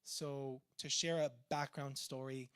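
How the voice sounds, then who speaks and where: A man's voice: mid-range voice, steady tone, measured pace, clean tone, no room sound. A young man from Peru with a Peruvian accent, speaking as a tech entrepreneur in a chatty, informal talk about his faith. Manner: chatty, informal, full of fillers.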